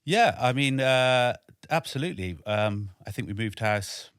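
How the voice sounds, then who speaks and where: A man in his forties from Wales, a podcast guest talking in a measured, matter-of-fact way in a home studio. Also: medium pitch, expressive, a bit bright, smooth, no echo. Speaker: podcast guest, army veteran. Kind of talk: casual interview.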